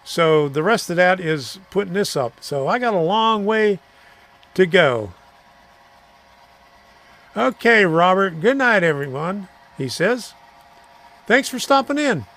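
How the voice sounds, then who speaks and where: A man's voice: high voice, animated, slow, long pauses, fairly bright tone. A middle-aged man hosting a live stream, chatting casually and answering viewer comments, rambling and chuckling between thoughts. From Florida.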